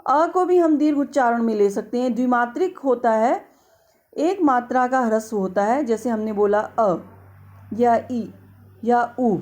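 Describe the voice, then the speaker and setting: A middle-aged woman teaching in a slow, deliberate way, stretching vowel sounds to show how they are spoken. Her voice sits a little high but sounds mellow and soft rather than bright. She takes her time, giving every phrase room. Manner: slow, deliberate explaining, drawing out vowels to demonstrate. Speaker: Sanskrit lecturer. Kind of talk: slow explanatory lecture.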